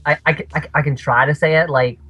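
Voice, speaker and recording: Bright-voiced Canadian man. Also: fairly high pitch, fairly even intonation, lo-fi sound. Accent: Ontario Canadian. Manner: loose, swears, quick asides. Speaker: player. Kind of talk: casual tabletop game chat.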